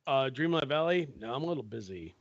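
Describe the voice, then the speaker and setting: Man, gaming co-host, gravelly voice, lively pitch, muffled lo-fi mic. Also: fast talker, no echo. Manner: joking, laid-back. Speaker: podcast co-host. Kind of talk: casual chat. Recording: dull lo-fi mic.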